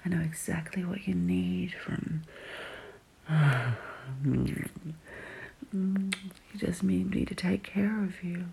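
A woman in an intimate whispered role-play as a dominant, doting lover, breathy and coaxing, right in the listener's ear. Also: fairly low pitch, flat delivery, warm tone, a little hiss or hum. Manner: slow, coaxing, sultry. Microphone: very close microphone.

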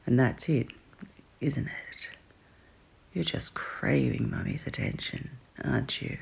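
Slow breathy woman whispering right in your ear. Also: a bass voice, lively intonation. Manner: slow, coaxing, sultry. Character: dominant, doting, seductive adult lover. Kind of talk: whispered role-play, intimate adult audio. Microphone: very close microphone.

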